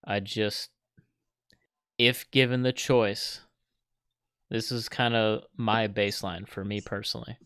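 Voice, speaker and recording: Earnest, smooth-voiced man debating movies. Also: fairly low pitch, steady tone, slow, long pauses, fairly bright tone, dry recording, clean studio sound. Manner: earnest, emphatic, repeats himself. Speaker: podcast co-host. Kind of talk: casual debate chat.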